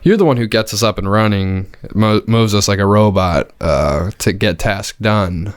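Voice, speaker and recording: Guy on a podcast just talking, kinda halting, deep clean voice, really dry sound. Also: clean tone, dry recording. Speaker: podcast co-host. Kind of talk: casual chat.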